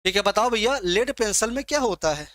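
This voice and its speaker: Bright-voiced man teaching a live class. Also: sits high, expressive, a little fast, dry recording. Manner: coaxing, teasing students by name. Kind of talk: live online exam-prep class.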